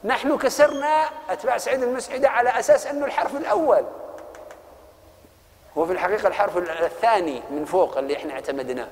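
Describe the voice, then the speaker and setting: A middle-aged man with an Egyptian accent teaching a classical text, animated, asking the class questions and acting out both sides of the argument. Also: high voice, racing. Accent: Egyptian Arabic. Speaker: Quran orthography teacher. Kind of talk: explaining a classical text to students. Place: mosque lesson hall. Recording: long hall reverb.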